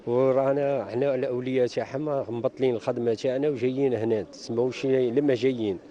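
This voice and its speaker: Algerian male interviewee, rapid-fire unscripted talk, mellow, lo-fi outdoor sound. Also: mid-range voice, steady tone. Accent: Algerian Arabic. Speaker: parent interviewed at protest. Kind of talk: spontaneous street interview. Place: outdoors in the street. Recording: dull lo-fi outdoor street recording.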